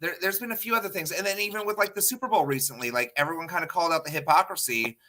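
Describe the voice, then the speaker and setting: A man in his thirties with a bright, fairly high voice. He speaks bluntly in an animated, casual chat and swears freely. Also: rapid-fire, slight background noise. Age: 30s. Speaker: podcast co-host.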